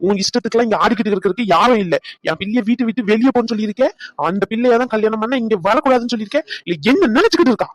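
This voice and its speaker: A man's voice: high voice, animated, racing, no room sound. A man voicing a stern, demanding father in a cartoon who stands up for his son. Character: angry father defending his son's choice. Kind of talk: cartoon voice acting.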